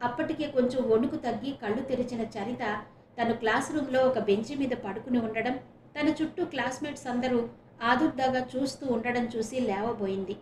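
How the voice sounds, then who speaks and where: High-voiced woman narrating a novel. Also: normal speed, reverberant, a little hiss or hum. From Visakhapatnam, India. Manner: expressive storytelling, voices the characters. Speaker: audiobook narrator. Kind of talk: reading a serial novel aloud.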